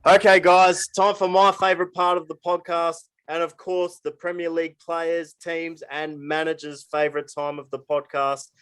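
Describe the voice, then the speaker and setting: A man's voice: a little high, little pitch movement, moderate pace, few pauses, fairly bright tone, smooth, no echo. A man hosting a podcast, introducing segments in an upbeat, announcer-like way. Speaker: podcast host.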